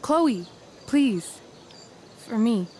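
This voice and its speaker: A woman playing a poised, persuasive teenage girl who acts on stage in a video game, with a measured theatrical manner. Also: fairly high pitch, lively intonation, darkish tone, a little hiss or hum. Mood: coaxing. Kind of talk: video game acting, Shakespearean stage delivery.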